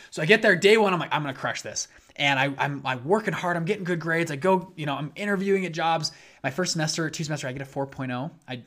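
A man in his twenties hosting a podcast in casual solo talk, energetic and upbeat, often tagging his points with "right?". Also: medium pitch. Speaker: podcast host.

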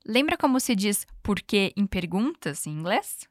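Woman teaching english on a podcast, patient and coaxing, repeats phrases nice and slow. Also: medium pitch, very animated, dry recording, studio quality. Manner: patient, coaching, slows down for model phrases. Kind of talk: podcast language lesson.

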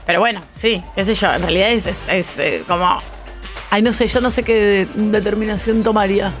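Una mujer con acento rioplatense que charla con soltura y reacciona con expresividad. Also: female voice, mid-range voice, steady tone, normal speed, faint music behind. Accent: Rioplatense Spanish. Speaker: radio show co-host. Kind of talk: casual chat.

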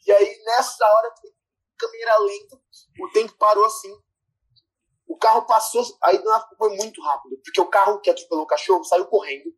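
A young man with a Brazilian Portuguese accent tells a story in a casual, animated, self-mocking way and swears freely. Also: high voice, brisk, breathy edge, poor audio. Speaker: guest storyteller. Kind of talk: casual podcast anecdote.

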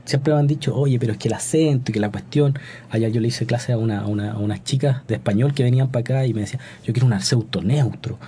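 Chilean man, podcast guest, very mellow dark voice, restarts often, casual chat. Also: mid-range voice, racing, slight background noise. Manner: thoughtful, many restarts and tag questions. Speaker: guest scientist.

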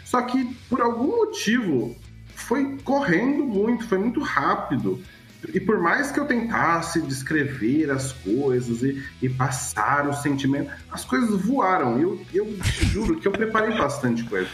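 A man with a Brazilian Portuguese accent telling casual game anecdotes in an animated way, acting out bits of dialogue. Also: sits high, measured pace. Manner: animated storytelling with quoted dialogue. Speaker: teacher who runs tabletop games. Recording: roomy sound with faint music.

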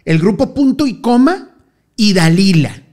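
A middle-aged man with a northern Mexican Monterrey accent, pitched a little high for a man. He tells stories to an interviewer in a lively, slangy way that breaks into laughter easily. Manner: animated, slangy, quick to laugh. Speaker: interview guest. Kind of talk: casual storytelling interview.

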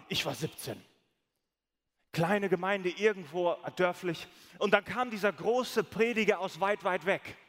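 Animated pastor in a big reverberant hall. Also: male voice, sits high. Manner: storytelling, animated, acts out quoted voices. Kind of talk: sermon. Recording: long reverb of a large hall.

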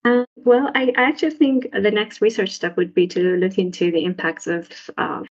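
A woman's voice: fairly even intonation, moderate pace, breathy edge. Hesitant young woman researcher, muffled audio. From Sri Lanka. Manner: hesitant, many restarts and fillers. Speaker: postdoc researcher, guest. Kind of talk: casual interview answers. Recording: muffled low-fidelity audio.

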